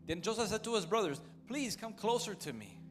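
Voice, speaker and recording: A man's voice: high voice, very animated, moderate pace, soft background music. A man interpreting a sermon phrase by phrase, following right after the preacher and restarting now and then.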